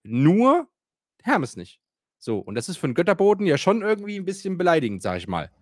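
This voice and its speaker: Telling a story in casual chat, a man whose voice sits high speaks fairly quickly. He's animated, ranting, acting out quotes, swearing casually, and filling his speech with fillers. The recording is dry with clean studio sound.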